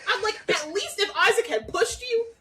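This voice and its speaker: A bright, high-voiced woman podcast co-host tells stories in a loud, profane rush. Her pitch leaps around constantly, and laughter keeps breaking through her animated rant. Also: normal speed, slight background noise, poor audio. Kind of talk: casual chat.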